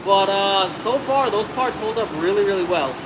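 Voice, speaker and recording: At a moderate pace and with background noise, a high-voiced man in his thirties walks through a brake job. The auto mechanic chats and rambles casually as he works in the shop, a truck on the hoist, throwing in the odd swear word.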